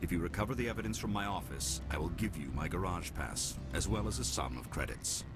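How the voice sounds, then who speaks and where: Very deep, polite alien exec in a game, dry and formal, loud music under him. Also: male voice, animated, brisk. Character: suave formal alien male executive.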